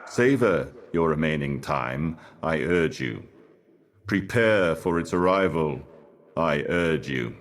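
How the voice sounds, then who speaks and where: The Envoy, profoundly deep cosmic herald. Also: male voice, lively intonation, exaggerated voice. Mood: stern warning. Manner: ominous, grandiose, deliberate, cryptic. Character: solemn otherworldly male herald of cosmic horrors. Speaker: game character, messenger and guardian. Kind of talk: theatrical video game monologue.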